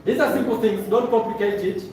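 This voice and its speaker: In an indoor training room with a stage, a Zambian man from Luapula leads a presentation course, giving motivational instruction to a live audience. His voice is fairly high, brisk and a little mellow, and he's directive, checking in with the room and repeating phrases. A distant mic makes the recording noisy and very echoey.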